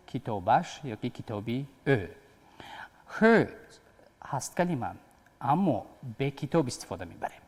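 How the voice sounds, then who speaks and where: A man's voice: mid-range voice, a little mellow. A man hosting a TV English lesson, patiently explaining grammar step by step. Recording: long hall reverb.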